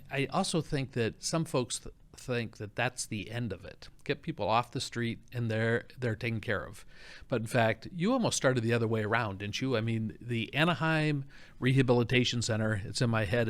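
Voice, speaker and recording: A man's voice: mid-range voice, moderate pace, fairly bright tone. A man hosting an interview in a conversational style, with informal, wordy recaps leading into his questions. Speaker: interviewer, show host.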